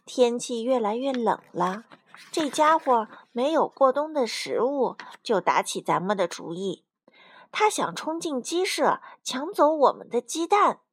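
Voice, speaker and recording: A woman voicing a calm, sensible mother hen in a storybook, explaining and reassuring in a slow way. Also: on the high side, breathy edge, no room sound, exaggerated voice.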